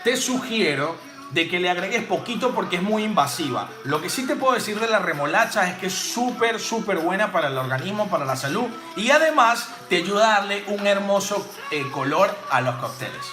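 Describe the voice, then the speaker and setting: Bartending teacher, high voice, chatty and playful, roomy room with music behind. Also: male voice, lively intonation, brisk. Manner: chatty and jokey, with playful sound effects and casual swearing. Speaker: bartending instructor. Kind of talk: casual live drink-making demo. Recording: roomy home space with music playing.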